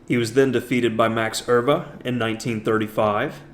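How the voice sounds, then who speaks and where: A man's voice: mid-range voice, fairly even intonation, moderate pace, slight background noise. A man narrating a chess lesson, walking through a historic game move by move and stretching out the words he wants to stress. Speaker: chess instructor.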